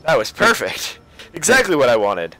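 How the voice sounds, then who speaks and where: A man's voice: fairly high pitch, huge pitch swings, moderate pace, bright, forceful tone, soft background music. A man chatting casually as he plays a game with friends, complaining in a dry, sarcastic way. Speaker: gamer in a group play session. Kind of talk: casual gaming chat. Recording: voice chat with clear game noise. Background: video game sounds.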